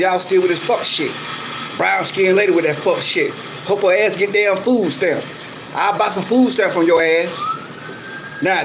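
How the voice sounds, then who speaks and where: A man's voice: high voice, noisy background. A man ranting angrily on his video channel, scolding and cursing over and over in heated, repetitive bursts. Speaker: YouTube commentator. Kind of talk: angry ranting vlog.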